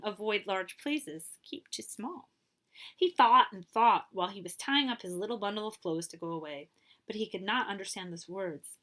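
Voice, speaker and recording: This woman's voice sits at a medium pitch. She reads a children's story the way a librarian might, full of expression and suspense, lowering to a whisper and lingering over important phrases.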